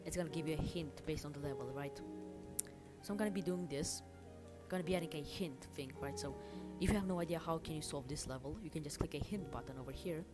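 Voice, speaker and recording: This fast-talking woman, whose voice sits low, livestreams casual chat as she works on games as a hobby. She muses aloud in an informal, self-deprecating way, with music playing and keys typing behind her.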